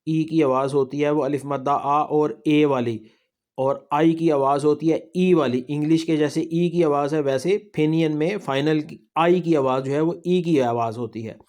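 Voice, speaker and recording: A man's voice: fairly high pitch, fairly even intonation, normal speed, a little mellow. A man with a Pakistani Urdu accent teaching a slide-based language lesson, explaining patiently and reassuring his viewers.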